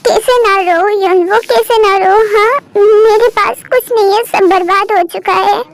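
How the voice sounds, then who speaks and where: A woman's voice: very high voice, steady tone, vocal fry, heavily acted. A woman voicing a fragile young wife who has lost her memory. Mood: hopeless. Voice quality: hesitant, halting.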